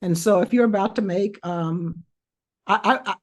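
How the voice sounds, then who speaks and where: A woman, an author being interviewed on a podcast, speaking thoughtfully and often pausing to search for words. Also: mid-range voice. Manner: thoughtful, hesitant, with many fillers. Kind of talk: conversational interview.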